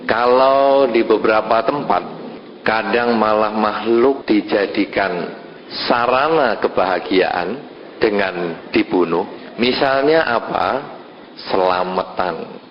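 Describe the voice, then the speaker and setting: Male monk, dharma talk, slow storytelling, questions to the children, echoey hall, muffled lo-fi sound. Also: fairly low pitch. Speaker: Buddhist monk. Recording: reverberant hall, dull lo-fi sound, faint noise.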